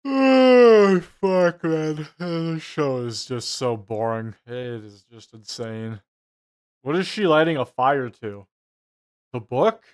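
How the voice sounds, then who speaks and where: A man's voice: medium pitch, animated, takes it slowly. Incredulous, swearing man reacting to a show. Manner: profane, incredulous. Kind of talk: casual mocking reaction commentary.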